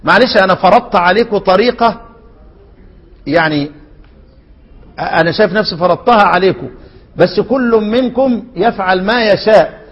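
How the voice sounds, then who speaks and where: An Egyptian male teacher with a high, husky voice works through a recitation poem line by line. He chants each verse slowly and keeps prompting the class to fill in the missing word. The sound trails off in a long reverb. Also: fairly bright tone, muffled recording. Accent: Egyptian Arabic. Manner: asks questions and lets students fill in the answer.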